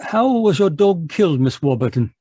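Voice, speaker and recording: Guy doing a friendly doctor sidekick telling an old radio mystery, husky, chatty, no room echo. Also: on the high side, very animated, normal speed, warm tone, lo-fi sound. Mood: genial, inquisitive. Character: genial, inquisitive doctor, detective's friend John Watson. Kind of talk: old-time radio mystery acting and narration.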